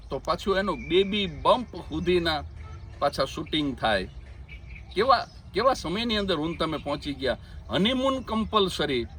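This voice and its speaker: High-voiced man telling stage jokes. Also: fairly bright tone, slight background noise. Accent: Gujarati. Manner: chatty joke-telling, addressing the audience as friends. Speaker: stand-up comedian. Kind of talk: Gujarati folk stand-up storytelling.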